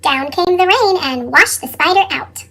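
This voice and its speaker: A woman reads children's picture books aloud expressively, her voice sped up with a chipmunk pitch effect. The delivery is pushed and bright, with lively intonation at a moderate pace.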